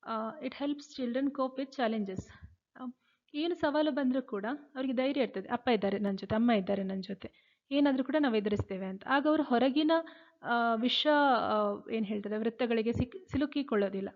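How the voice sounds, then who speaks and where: Woman teacher, reads out points and then explains them, higher voice, tinny phone-quality sound. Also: a little fast. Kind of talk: lecture explaining slides.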